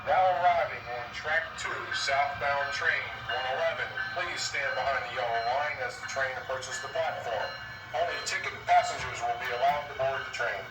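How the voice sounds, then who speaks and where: Man announcing over a station loudspeaker. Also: mid-range voice. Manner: formal, measured announcing. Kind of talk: public address announcement. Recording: echoey distant loudspeaker with music.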